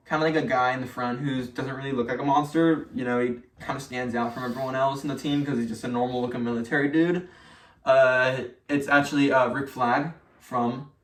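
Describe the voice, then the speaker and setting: A man's voice: medium pitch, fairly bright tone, distant mic. A man chats his way through a weekly news roundup, reads articles aloud and keeps breaking off to restart his sentences. He sounds a bit off the mic in an echoey room. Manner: rambling with many fillers and restarts. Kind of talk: casual news chat, reading articles aloud.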